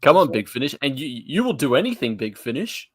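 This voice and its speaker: A man's voice: mid-range voice, very animated, brisk, breathy edge, dry recording. Hesitant, opinionated man, dry sound. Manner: hesitant, filler-heavy, opinionated. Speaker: podcast co-host. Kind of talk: casual panel chat.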